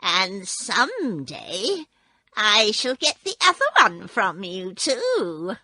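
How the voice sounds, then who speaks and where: A woman voicing a cunning, spiteful wicked old witch who gloats slowly and wails shrilly. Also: wildly swooping pitch, sharp tone, dry recording, full character voice. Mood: gloating. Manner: slow gloating, then shrill wailing shrieks.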